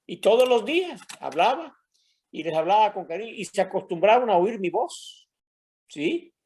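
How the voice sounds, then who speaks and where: A man's voice: high voice, lively intonation, moderate pace, a little mellow, a little hiss or hum. An older man from Mexico with a Mexican Spanish accent, a pastor telling a personal story in a sermon and addressing the congregation as brothers.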